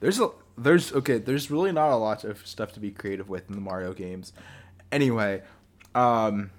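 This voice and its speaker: Young male co-host, lowish voice, rambling casual delivery, remote mic. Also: normal speed. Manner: rambling, restarts, bursts into silly voices. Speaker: podcast co-host. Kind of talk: casual chat. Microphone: remote call mic.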